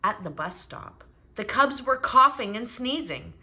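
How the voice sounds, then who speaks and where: A woman's voice: on the high side, unhurried, a little hiss or hum. A woman reading a children's storybook aloud and asking her young listeners questions along the way. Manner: animated, asks listeners questions. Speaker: storybook reader.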